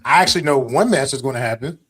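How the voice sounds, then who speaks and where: A man's voice: medium pitch, fast talker, fairly bright tone, slightly rough. A man co-hosting a podcast in casual conversation. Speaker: podcast co-host. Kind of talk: casual chat.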